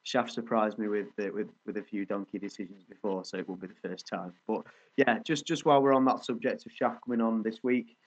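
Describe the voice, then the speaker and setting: A man's voice: lowish voice, brisk. A man co-hosting a sports podcast with casual, blokey, matey banter. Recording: dull lo-fi audio.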